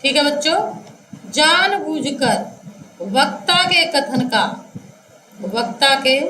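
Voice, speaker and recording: A high, bright-voiced woman teaches a class at an unhurried pace. She dictates slowly, repeating each phrase word by word and calling her students children. The sound is echoey, with a faint room hum behind her. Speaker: Hindi teacher. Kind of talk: classroom lecture explaining grammar.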